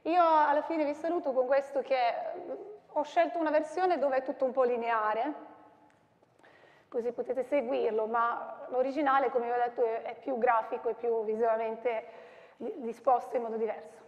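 A woman lecturing on sound poetry, then performing it aloud with shouted sound words and laughter. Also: on the high side, fairly even intonation, normal speed, dull audio. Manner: explains softly, then recites with shouts, onomatopoeia and laughter. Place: large university lecture hall. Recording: echoey hall reverb.

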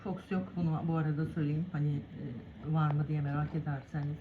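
A woman vlogging casually from a village house, calling and cooing to her cats in a high, excited voice and laughing often. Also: a little fast, narrow, tinny audio, a little hiss or hum.

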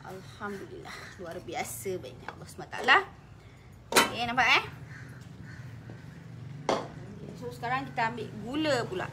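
A woman's voice: a little high, lively intonation, moderate pace, long pauses, heavy background noise. A woman with a Malaysian accent, chatting through a cooking demo in her kitchen while telling personal stories, laughing often. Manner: talkative, laughs often, emotional storytelling. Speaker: cooking vlogger. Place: home kitchen.

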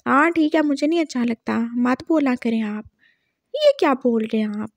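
A woman's voice: high voice, moderate pace, creaky, no echo. Woman doing a whiny, touchy young husband. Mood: sulky. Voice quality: whiny and complaining. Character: tearful, touchy young man, the older husband.

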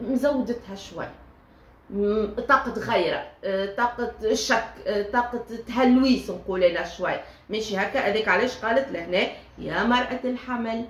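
A woman with a Tunisian accent giving a chatty tarot reading, talking straight to her listeners with many fillers. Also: fairly high pitch. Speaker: tarot reader. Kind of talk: casual tarot reading monologue. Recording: echoey room with faint ambient noise.

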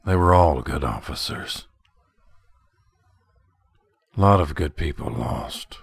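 A man voicing a grim, guilt-ridden older cartoon space commander, gravelly and brooding in a solemn dramatic monologue. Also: extremely low pitch, expressive, normal speed, dry recording, full character voice. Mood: grave regret. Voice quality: gravelly, raspy.

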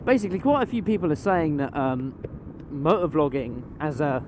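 A man's voice: a little high, animated, moderate pace. Young guy vlogging from a motorbike. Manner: chatty, swears casually, rambling with fillers. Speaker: motovlogger. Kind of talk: casual vlog while riding. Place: riding a motorbike at night on city roads. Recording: road and engine noise behind.

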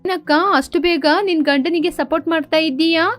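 A playful, teasing young woman doctor in an animated storybook, as a woman narrator puts her on. Her voice is high and lively, with soft music playing faintly behind. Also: brisk.

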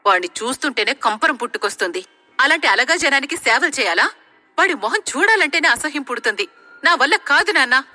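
A woman voicing a proud young woman, a priest's daughter, who talks in a scornful, sharp-tongued way. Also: high-pitched, sing-song, fairly quick, faint music behind, voice pushed up, full character voice.

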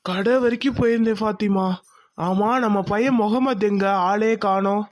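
A man voicing a gentle cartoon father, high-voiced. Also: fairly even intonation, moderate pace, close to an everyday voice. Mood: calm. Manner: gentle, reassuring. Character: kind, accepting middle-aged father.

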